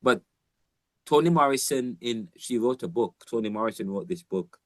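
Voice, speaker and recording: A man's voice: medium pitch, animated, moderate pace, no room sound. A man from Jamaica, giving an informal, rambling university lecture with emphatic repeats and frequent restarts.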